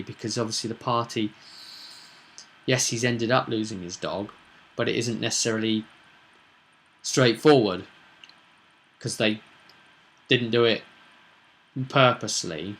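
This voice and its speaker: Recapping the latest tabletop roleplay session in a casual way, the game master speaks at medium pitch with a sharp tone. Dramatic pauses break up his halting, emphatic narration.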